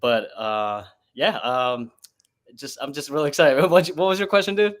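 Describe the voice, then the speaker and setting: A man's voice: a little high, moderate pace. A man from Wisconsin, a husband and father, chatting easygoing as a livestream guest. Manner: easygoing, laughs often, says dude. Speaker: guest content creator. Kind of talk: casual livestream chat.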